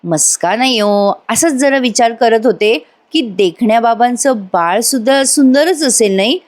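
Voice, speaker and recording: A woman doing a young wife who is hopeful and devoted, talking cheerfully and coaxingly, her voice fairly high. It stays close to her own voice. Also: lively intonation, moderate pace, close to an everyday voice.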